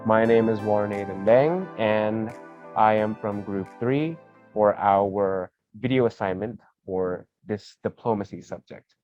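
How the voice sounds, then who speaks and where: A man's voice: on the low side, fairly even intonation, a little slow, a little mellow, soft background music. A young man moderating a casual student video discussion, friendly and rambling. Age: young adult. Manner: friendly, rambling, self-correcting. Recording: dull dry lo-fi call audio.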